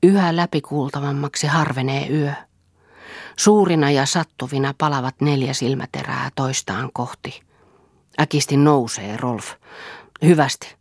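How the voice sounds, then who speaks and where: A woman narrating a literary audiobook in a measured, lyrical way. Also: a bass voice, husky, no echo, studio quality. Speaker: audiobook reader.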